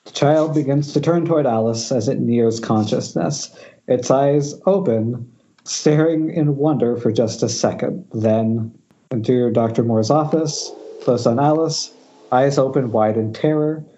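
A man with a mellow, mid-range voice reads the screen directions at a measured pace. It's an informal table read over an internet call, and he falters a little through the dramatic parts. Sound quality is dull and noisy.

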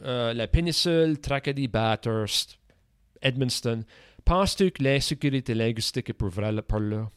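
A man's voice: mid-range voice, animated, normal speed, clear, resonant tone, no room sound, studio quality. A man hosting a podcast interview, talking casually with English words mixed in. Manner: conversational, drops English words. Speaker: podcast host.

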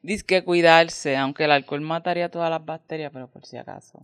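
A woman with a Caribbean Spanish accent co-hosting a podcast, casual and expressive. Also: low-pitched, a little fast. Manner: expressive, exclaiming, laughing. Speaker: podcast co-host. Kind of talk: casual chat.

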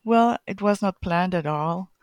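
A woman's voice: fairly low pitch, unhurried, clear, resonant tone, no room sound, clean studio sound. Middle-aged woman from Chile and Colombia. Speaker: guest catechist. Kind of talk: casual interview.

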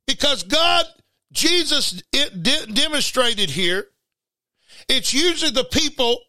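An angry man delivers a fiery informal sermon, scolding and confrontational, firing off rhetorical questions and repeating his refrains. His very high voice is bright and forceful, with no echo.

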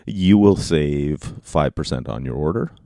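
Very deep, gravelly man podcasting. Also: lively intonation, dark tone, dry recording, studio quality. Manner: informal, rambling, halting. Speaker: podcast host. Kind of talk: casual solo podcast talk. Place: basement office at home. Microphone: close podcast microphone.

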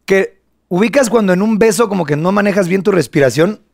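A man's voice: high-pitched, brisk, creaky, no room sound, studio quality. Slangy Mexican man telling a story. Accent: Mexican Spanish. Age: 30s. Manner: slangy, animated, self-mocking storyteller. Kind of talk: casual storytelling chat.

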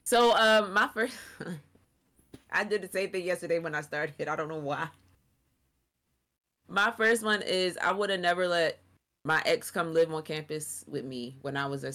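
A woman's voice: deep voice, a bit bright. A young woman co-hosting a podcast in casual, playful, slangy banter. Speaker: podcast co-host.

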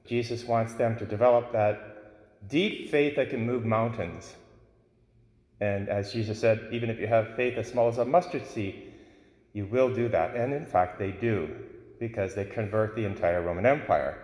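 A man speaking as a priest, reading the gospel and preaching in a solemn, deliberate way in an echoing, cathedral-like church. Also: fairly low pitch, a little mellow. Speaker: priest giving a homily. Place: large reverberant church. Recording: echoey church with long cathedral-like reverb.

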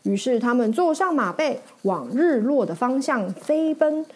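A woman storyteller reading a picture book aloud in an animated, expressive way. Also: high-pitched, measured pace, husky.

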